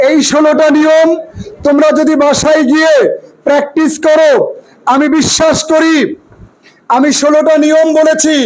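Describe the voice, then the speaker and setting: A man teaching English pronunciation to a class, speaking in playful rhymes and calling out drills loudly. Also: very high voice, poor audio. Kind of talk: classroom teaching, loud and rhyming. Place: classroom with students.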